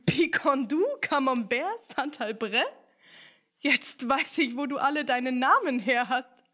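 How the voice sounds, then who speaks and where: A woman voicing a timid female rat who talks softly and wistfully. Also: sits high, steady tone, a little slow, husky. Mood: earnest. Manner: soft, sighing, wistful.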